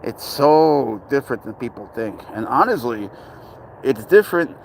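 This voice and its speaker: A man who grew up in Spain hosts a casual livestream, chatty and rambling as he reads and answers viewers' comments aloud. His medium-pitched voice is expressive and creaky at a moderate pace. The low-quality recording carries a little hiss or hum.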